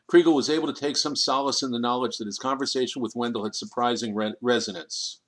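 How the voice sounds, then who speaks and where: Man reading an audiobook, measured. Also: medium pitch. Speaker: audiobook narrator. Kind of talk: audiobook narration.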